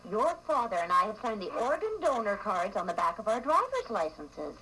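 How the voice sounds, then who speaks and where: A woman's voice: a little high, sing-song, normal speed, bright, forceful tone, exaggerated voice, poor audio. A woman playing a soothing mother comforting her young son in an old TV public service ad. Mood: reassuring. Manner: soothing, reassuring. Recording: faint hiss of an old 1980s TV ad.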